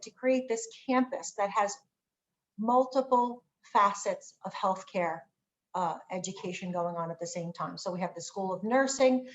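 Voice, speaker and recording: Female academic presenter, mid-pitched, explanatory and hesitant, slightly muffled call audio. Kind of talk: informational presentation with frequent hesitations. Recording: dull lo-fi video-call audio.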